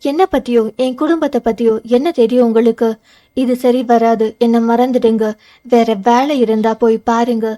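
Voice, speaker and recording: A guarded, pained young woman, voiced by a woman reader in an audio novel. She speaks in a tight, insistent way with a slightly high, mellow tone. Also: fairly even intonation, normal speed, lightly acted. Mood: curt. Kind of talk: audio novel character reading.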